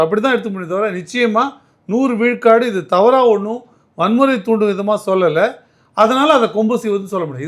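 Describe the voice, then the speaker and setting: A man answering as a political commentator in an interview, arguing emphatically and often restarting his words. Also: high-pitched.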